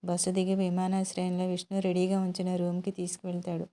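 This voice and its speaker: Even-toned woman storyteller. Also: fairly low pitch, fast. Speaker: storyteller host. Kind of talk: narrating a serialized love story.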